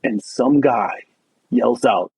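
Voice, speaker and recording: A man's voice: mid-range voice, slow, gravelly, slightly rough, dry recording, rough recording. A man co-hosting a podcast, telling a funny story in casual chat, acting out quotes and laughing along. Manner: animated, laughing, acts out quotes. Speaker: podcast co-host.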